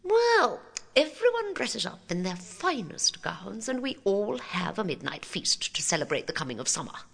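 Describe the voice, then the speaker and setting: A woman's voice: medium pitch, big pitch swings, normal speed, gravelly, fairly bright tone, in a large hall, pitched above the performer's own voice, heavily acted. A woman voicing a prim, strict female mushroom headmistress in a storybook. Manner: prim and proper.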